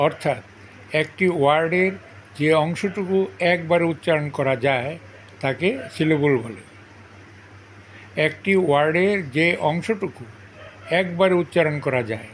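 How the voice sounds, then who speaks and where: A man delivers a grammar lesson at an unhurried, measured pace, repeating each definition twice before breaking example words into syllables one by one. His voice sits a little on the high side, and faint background noise runs under the recording. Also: rough recording. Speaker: teacher. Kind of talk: slow repetitive grammar lesson.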